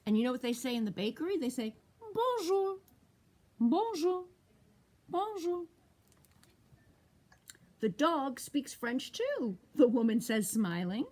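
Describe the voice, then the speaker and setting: A woman librarian reading a picture book aloud to young children, asking them questions as she goes. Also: fairly high pitch. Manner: animated, asks children questions. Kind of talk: storytime read-aloud.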